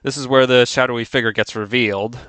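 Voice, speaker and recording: A man's voice: mid-range voice, fairly even intonation, quick pace, a bit bright, no room sound. A man giving casual, offhand, rambling commentary as a video creator looking back on his own work.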